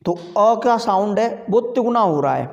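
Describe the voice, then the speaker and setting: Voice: mid-range voice, lively intonation, moderate pace, gravelly, long reverb tail, dull audio. A teacher giving a Sanskrit grammar lesson, explaining step by step, asking the class questions and answering them, and stretching out sounds to demonstrate.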